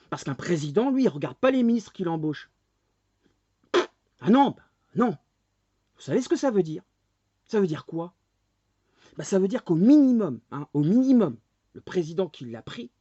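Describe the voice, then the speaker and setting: A vlogger in his forties delivers a furious monologue to camera, hammering his audience with rhetorical questions. The voice sits high yet has a dark tone and a breathy edge. It's captured as a dull, dry lo-fi recording.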